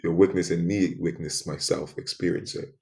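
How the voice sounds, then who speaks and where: A man with a lowish, gravelly voice delivers a fervent spoken monologue. He circles back on his own phrases, pressing a point again and again. His delivery lurches between loud emphatic bursts and quiet, low asides. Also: fairly even intonation, moderate pace. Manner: intense, emphatic, repeats phrases, swings between loud and soft.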